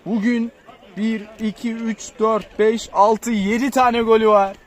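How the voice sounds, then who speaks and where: A high-voiced man calls a football match live, play by play, rising into excited, drawn-out calls whenever there are shots and goals.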